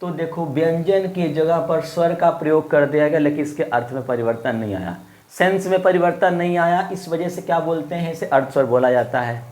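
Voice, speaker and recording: A man with a slightly high, a little mellow voice teaches a Hindi grammar lesson in an online class, speaking a bit fast. His manner is casual and friendly as he asks questions and repeats words for drill.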